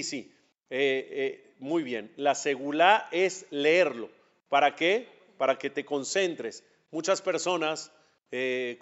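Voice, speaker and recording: A man, a rabbi giving a class, who asks his students rhetorical questions and answers them himself in a conversational way. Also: medium pitch. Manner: conversational, addresses students directly. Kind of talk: religious class lecture. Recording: dull lo-fi class recording.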